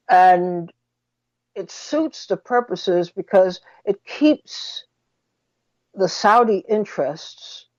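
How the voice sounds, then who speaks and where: A woman hosting radio talk and commentary, speaking haltingly and deliberately with long pauses, slightly muffled because an injured mouth will not open all the way. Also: on the low side, a little mellow. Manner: slightly muffled speech through a barely opened mouth. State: mouth injured from a fall, cannot open it fully. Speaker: radio talk show host. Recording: dull, roomy lo-fi sound.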